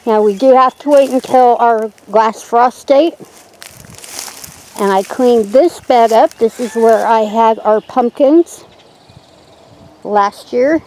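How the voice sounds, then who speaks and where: A woman's voice: on the high side, dark tone, low-quality recording. A woman hosting a casual garden tour outdoors, chatty and homespun, a little out of breath as she walks. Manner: chatty, homespun, says "yeah" a lot. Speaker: channel host. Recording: faint outdoor noise and wind.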